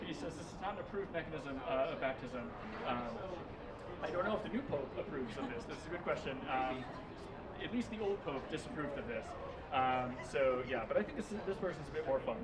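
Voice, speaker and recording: Lively wry male host in a roomy venue. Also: fairly high pitch, fairly quick. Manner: lighthearted, wry. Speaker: event host. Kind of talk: live stage presentation. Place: live event venue. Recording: roomy, distant, noisy live venue.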